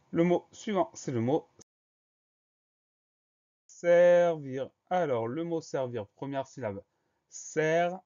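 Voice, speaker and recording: Man teacher, middle pitch, careful letter-by-letter spelling dictation, slightly muffled lo-fi recording. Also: darkish tone.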